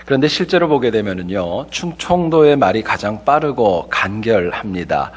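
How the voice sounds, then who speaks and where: Lively male pastor preaching a sermon. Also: fairly low pitch, normal speed. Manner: lively storytelling with humor. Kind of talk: Sunday sermon. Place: church sanctuary.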